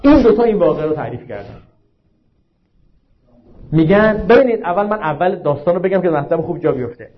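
A man preaches a religious sermon in a high voice, asking the audience one rhetorical question after another. He slows down to stress the lines he quotes. The recording sounds dull and lo-fi. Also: very animated, slight background noise. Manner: slows down to recite and stress quotations.

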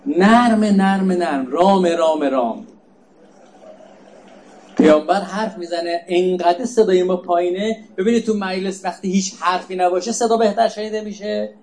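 A man with a notably high voice teaches from sacred verses in a lecture. He explains step by step, posing rhetorical questions and then answering them. At times he repeats a word softly for emphasis. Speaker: preacher. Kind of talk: religious lecture on Quran verses.

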